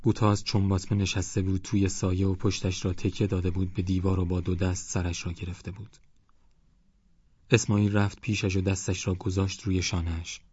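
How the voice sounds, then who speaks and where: A man with a deep, low voice reads a novel aloud at a steady, measured pace. The studio sound is very dry and a little dull. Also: husky, no room sound. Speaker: audiobook narrator. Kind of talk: scripted narration.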